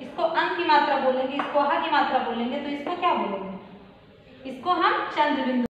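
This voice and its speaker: A woman's voice: high voice, expressive, fairly quick, a bit bright, highs cut off. A woman teaching a grammar lesson to children, asking questions and answering them herself. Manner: calls the pupils "child" and repeats key terms. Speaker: school teacher. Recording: very echoey room, faint background noise.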